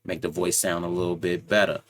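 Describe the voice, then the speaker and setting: Speaking casually into a desktop USB microphone at his home computer, a channel host reviews microphones in a very deep, low voice. He sounds self-assured, talking fairly quickly in a level tone while he rambles, trails off, and starts over.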